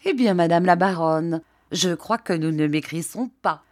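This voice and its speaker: A woman's voice: lowish voice, normal speed, dry recording, natural voice. A woman voicing a stout, jovial older country priest who jokes and speaks in a fatherly way. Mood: joking. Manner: bantering, fatherly.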